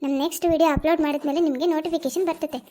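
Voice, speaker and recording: Quick high-voiced North Karnataka woman. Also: fairly even intonation, mellow. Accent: North Karnataka Kannada. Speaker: channel narrator. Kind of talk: cartoon channel outro.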